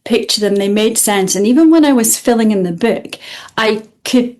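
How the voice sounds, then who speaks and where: A woman's voice: on the high side, lively intonation, normal speed, a little mellow. A woman from Scotland with a Scottish accent, a guest speaking earnestly and reflectively in an interview, often restarting her sentences. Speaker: guest, student of the program. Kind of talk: interview conversation.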